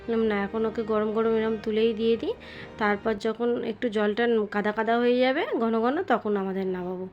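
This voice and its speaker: A woman's voice: a little high, fairly even intonation, a little fast, dull audio, soft background music. A woman in her thirties chatting casually in a voice-over about her cooking and housework, rambling and losing her train of thought. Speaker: home cooking vlogger.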